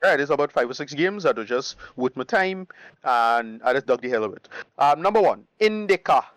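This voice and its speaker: On a podcast, a male co-host with a mid-range voice reviews his favourite games in a casual chat, animated, a little fast and a bit bright. He often restarts his phrases and uses plenty of excited slang. The recording has no echo.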